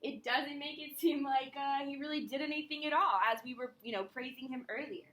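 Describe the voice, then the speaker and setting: Bright high-voiced woman teacher. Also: brisk. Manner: explanatory with self-corrections. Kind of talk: recorded history lesson. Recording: echoey room.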